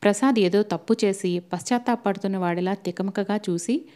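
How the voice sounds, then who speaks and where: A woman's voice: mid-range voice, normal speed, dark tone. A woman reading a novel aloud as an audiobook narrator, voicing the characters with dramatic shifts. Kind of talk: storytelling narration with character voices.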